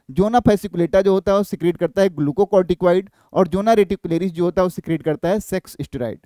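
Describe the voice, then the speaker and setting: Young male biology tutor, high pitch, dry studio mic, fires off rhetorical questions. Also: mellow, clean tone, dry recording. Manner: explains with rhetorical questions and quick self-answers. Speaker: biology teacher. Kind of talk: exam-prep lecture.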